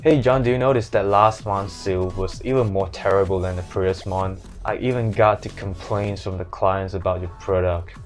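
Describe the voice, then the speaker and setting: Casting: male actor as an everyday Hong Kong man, thick Cantonese accent, flat intonation, low voice, skit dialogue. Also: moderate pace, few pauses, faint music behind, lightly acted. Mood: complaining. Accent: exaggerated Hong Kong Cantonese. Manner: monotone with put-on pronunciation. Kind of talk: acted demonstration dialogue.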